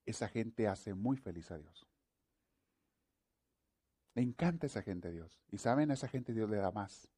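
A man's voice: lowish voice, lively intonation, measured pace, long pauses, warm tone. A man preaching a sermon in an earnest, repetitive way, addressing his listeners as brothers.

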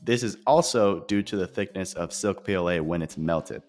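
A man's voice: deep voice, moderate pace, darkish tone. A man hosting an informal scripted podcast, explaining things directly to listeners, his voice echoing in a bare, unfurnished office. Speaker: podcast host. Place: new empty office without furniture. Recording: echoey empty office, music behind.

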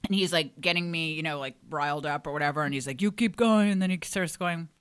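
A woman's voice: deep voice, fairly even intonation, fast, a bit bright, clean tone, dry recording, studio quality. A woman comedian in casual podcast chat, telling brash, profane stories and acting out quotes. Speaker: comedian guest.

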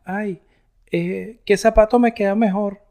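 A man's voice: high voice, steady tone, measured pace, gravelly, warm tone, voice pushed up. A Venezuelan man imitating his clingy young wife in a whiny, wheedling tone. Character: clingy playful young wife wanting attention.

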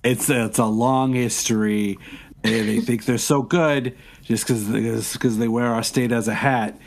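A man's voice: mid-range voice, steady tone, measured pace. A man playing a tabletop game, blunt and joking in casual talk. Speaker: player. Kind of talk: casual tabletop role-play.

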